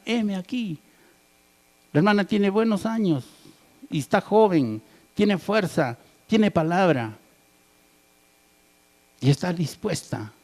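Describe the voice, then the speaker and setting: A male pastor with a high-pitched, darkish voice and some vocal fry preaches a sermon. He poses rhetorical questions to the congregation and punctuates his points with "¿verdad?" and "amén."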